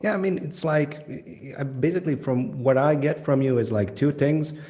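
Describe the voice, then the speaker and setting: A man hosts a podcast interview in a relaxed, mellow voice. He sums up what his guest says, and a long reverb trails behind his voice. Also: a little high, normal speed. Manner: sums up points, gives short backchannels. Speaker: podcast host.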